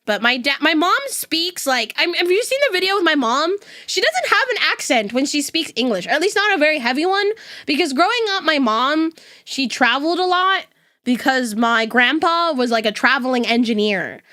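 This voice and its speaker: Chatting with her chat and laughing often, a young VTuber from the US West Coast speaks with a neutral accent. The voice is high and expressive, moderately paced, bright and forceful.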